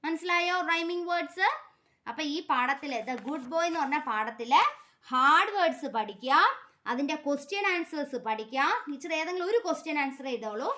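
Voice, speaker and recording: A woman teacher with a Malayali accent gives a class lesson. She reads English words very slowly and explains quickly in between. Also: sits high, bright, forceful tone, a little hiss or hum. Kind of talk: online class lesson, slow dictation and rhyme drill.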